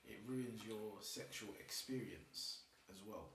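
A man's voice: fairly low pitch, unhurried, a bit bright, recorded from a distance. A young man with a London roadman accent, chatting casually in street slang as a podcast host. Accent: London roadman, multicultural London English. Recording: roomy, noisy, off-mic.

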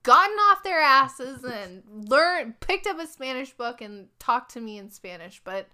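A woman's voice: high voice, a little slow, smooth. A woman from Los Angeles with a Chicano American accent, chatting casually and animatedly with lots of "like". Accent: Chicano American English accent from Los Angeles. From Los Angeles, USA. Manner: animated, uses "like" very often. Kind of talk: casual chat.

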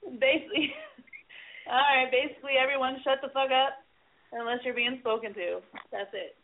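A woman's voice: sits high, moderate pace, slight background noise. A woman co-host on speakerphone, bantering and giggling teasingly. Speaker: show co-host. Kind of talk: casual banter. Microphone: phone on speaker. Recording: tinny phone line.

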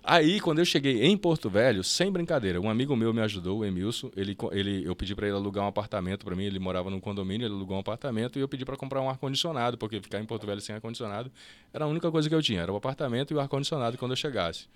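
A Brazilian man telling his story as a podcast guest, lively and quick, with fast restarts and acted-out bits of dialogue. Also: on the low side, dry recording. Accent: Brazilian Portuguese. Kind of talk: casual storytelling interview.

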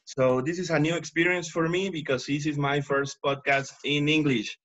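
A man's voice: fairly high pitch, fairly even intonation, moderate pace, fairly bright tone, dull audio. Man hosting a casual podcast. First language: Spanish. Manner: hesitant, restarts often in English. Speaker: podcast host.

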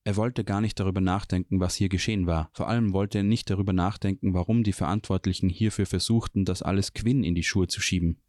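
A man reading a fantasy novel chapter aloud in a calm, even storytelling manner. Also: low voice, fast, hardly any pauses, no echo, clean studio sound. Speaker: audiobook reader. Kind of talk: scripted narration of a fantasy novel.

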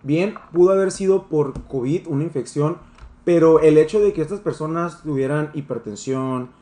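A young man with a Mexican accent hosts a casual discussion, explaining in a friendly, joking way. His voice sits a little high, and the room around him is roomy and echoey. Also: normal speed, warm tone. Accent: Mexican Spanish. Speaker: host.

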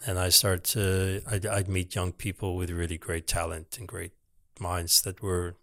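A man's voice: deep voice, monotone, unhurried, a bit bright, no room sound, studio quality. A man, a sculptor being interviewed on a podcast, talking reflectively with many restarts. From United States. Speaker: guest, sculptor. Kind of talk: casual podcast conversation.

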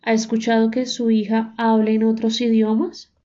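A woman's voice: a little high, level tone, warm tone, lightly acted. A woman voicing a cautious male priest. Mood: measured. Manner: measured, questioning. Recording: dull muffled recording.

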